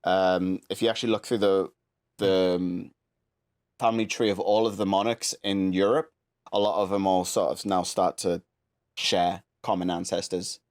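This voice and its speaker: Laid-back man, low voice. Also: little pitch movement, moderate pace. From United Kingdom. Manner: laid-back, rambling, swears casually. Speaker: guest. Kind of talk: casual chat.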